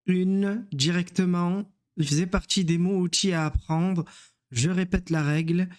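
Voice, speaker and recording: A man's voice: high-pitched, steady tone, unhurried, darkish tone. A man teaching reading, sounding out letters and syllables one at a time and repeating each word. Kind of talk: slow step-by-step reading lesson.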